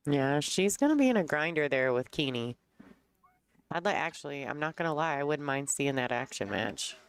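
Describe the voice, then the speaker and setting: Smooth-voiced chatty woman pool commentator. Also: low-pitched, expressive, moderate pace. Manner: chatty, laughs easily, tells anecdotes. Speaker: color commentator. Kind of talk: casual play-by-play commentary. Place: pool hall commentary booth.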